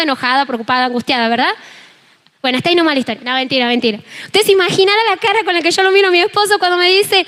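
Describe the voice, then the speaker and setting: High-voiced Argentine woman preaching. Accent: Argentine Spanish. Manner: animated storytelling, acting out dialogue. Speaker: preacher and worship team member. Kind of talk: sermon with personal testimony.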